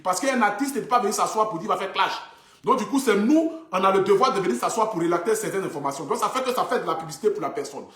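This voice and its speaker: A man's voice: high voice, reverberant. A man influencer talking casually on a phone livestream to his viewers, earnest and repetitive, with lots of filler words. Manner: earnest, repetitive, many fillers like "voilà" and "donc du coup". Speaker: social media influencer. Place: indoors, seated.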